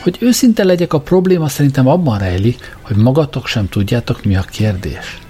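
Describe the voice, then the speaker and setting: A man reading the part of a vast male supercomputer that speaks with slow, grand dignity. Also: mid-range voice, animated, mellow, breathy edge, voice pushed up. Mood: solemn.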